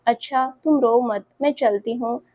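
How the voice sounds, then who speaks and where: A woman's voice: on the high side, unhurried, dark tone, no echo. Spiteful aunt done by a woman narrator, sly taunting way of talking, dry sound.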